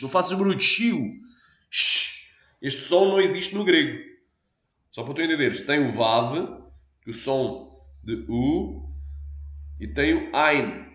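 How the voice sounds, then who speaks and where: A man's voice: on the high side, echoey room. A man with a European Portuguese accent, a pastor explaining a point patiently in a teaching sermon and asking his listeners for assent.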